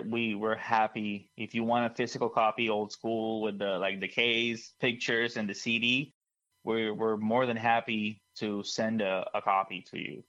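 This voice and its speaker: A man's voice: mid-range voice, a bit bright. A man from Puerto Rico, a band singer and producer, answering casually, repeating words as he searches for them, on a dull lo-fi call line.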